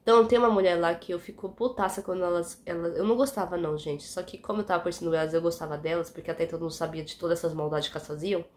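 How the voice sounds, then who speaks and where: A woman's voice: fairly low pitch, steady tone, racing, few pauses. A young Brazilian woman with a Brazilian Portuguese accent, telling a workplace story in a chatty, indignant vlog, dropping frequent asides to her viewers. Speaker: vlogger.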